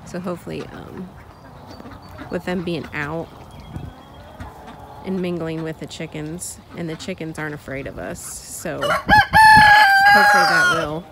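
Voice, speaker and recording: In an outdoor poultry pen, a female farm vlogger narrates casually as she films, speaking slowly and unhurriedly with lots of ums, pauses and restarts. Her voice sits on the low side but swings hugely in pitch. The phone audio picks up clear farm noise, with ducks quacking and chickens around her.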